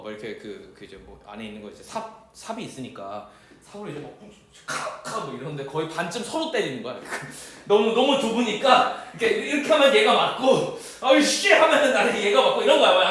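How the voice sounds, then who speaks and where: A male teacher tells a story during a lecture in a casual, animated way and acts out the shouts and voices of the people in it. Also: high voice. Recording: echoey room with a distant mic.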